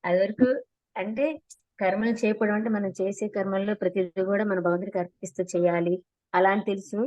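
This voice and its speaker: A woman's voice: level tone, fast talker, a little mellow, no room sound. A woman with a Telugu accent, a participant in the class, speaking politely and respectfully. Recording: dull, dry low-fidelity line.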